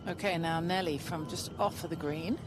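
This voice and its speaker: A woman's voice: lowish voice, moderate pace, noisy background. A woman leading live golf commentary, describing the play as it unfolds. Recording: loud outdoor broadcast ambience. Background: loud outdoor golf course ambience.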